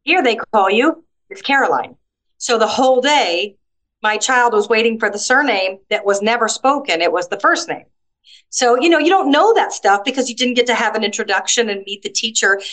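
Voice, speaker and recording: A middle-aged woman speaks as a guest author in a relaxed interview, her voice sitting a little high. She tells her stories with animation, slipping into the voices of the people she quotes. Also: poor audio. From United States. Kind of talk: casual conversational interview.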